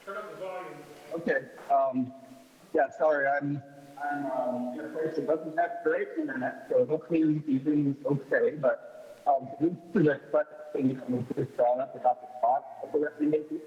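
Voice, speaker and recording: Remote male caller, hesitant delivery, voice echoing and muffled as if in a small box, quiet and mellow. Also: a little high, steady tone. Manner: halting, hesitant, many fillers. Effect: muffled, echoing call audio, as if in a tunnel or small box. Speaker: committee vice chair calling in remotely. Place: remote spot with poor internet. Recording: muffled echoey online call line.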